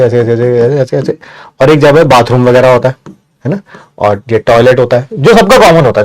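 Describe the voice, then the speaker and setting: A man telling a funny childhood story to students in a lively way, checking in with the listeners often. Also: mid-range voice. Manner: lively, addresses listeners with "bhai sahab" and "hai na". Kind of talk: animated storytelling.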